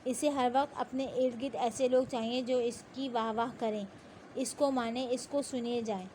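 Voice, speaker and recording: A woman voicing a calm, persuasive police officer. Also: very high voice, slight background noise. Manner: soft-spoken, calm and persuasive. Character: gentle, confident young male police officer.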